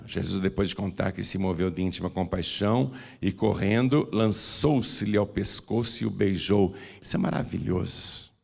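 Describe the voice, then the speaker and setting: A man from Brazil preaching a sermon in a church, swinging from low, slow lines to high, fervent calls and acting out Bible voices. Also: gravelly, darkish tone, big-room sound. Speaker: pastor.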